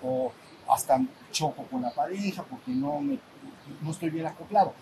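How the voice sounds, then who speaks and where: Man teaching over steady rumble. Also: normal speed, creaky. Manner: conversational, full of restarts, checks in with listeners, acts out sounds. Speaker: spiritual retreat teacher. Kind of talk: informal retreat lecture. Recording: steady background rumble and noise.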